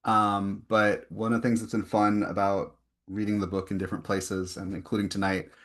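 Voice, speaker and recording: A young adult man at an online poetry reading, reading his poems slowly and deliberately with chatty, filler-heavy asides between them. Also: lowish voice, little pitch movement, a bit bright. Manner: slow, deliberate reading with rising emphasis on repeated lines. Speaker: poet reading his work.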